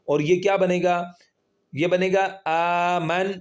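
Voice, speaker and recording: A man teaching Quran reading, spelling out syllables slowly and patiently and drawing out the vowels. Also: sits high, steady tone, darkish tone. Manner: slow, patient, drawn-out syllables when spelling. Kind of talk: spelling-out recitation lesson.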